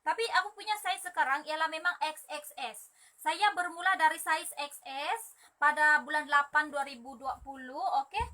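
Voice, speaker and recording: A woman's voice: high-pitched, normal speed. A young woman hosting a chatty live stream as a corset sales agent, telling stories and acting out other people's lines. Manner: lively, acts out other people's lines in quotes.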